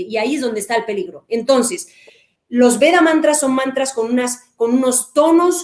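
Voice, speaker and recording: A woman hosting an interview who summarizes and translates the guest's answers clearly. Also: sits high, darkish tone. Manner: summarizing clearly, switching between English and Spanish. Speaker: host and interpreter. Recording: roomy echo.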